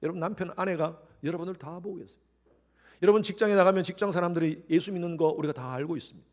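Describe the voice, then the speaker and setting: A middle-aged male pastor preaching a sermon, swinging between quiet, intimate lines and sudden loud rises, and acting out the voices he quotes. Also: high-pitched, fast talker. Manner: acts out quoted voices with animated shifts.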